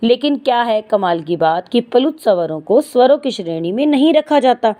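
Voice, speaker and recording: A woman's voice: on the high side, lively intonation, normal speed, warm tone. A woman teaching a Hindi grammar lesson, posing questions and answering them herself, and drawing out vowel sounds to demonstrate. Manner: explanatory, asks and answers her own questions.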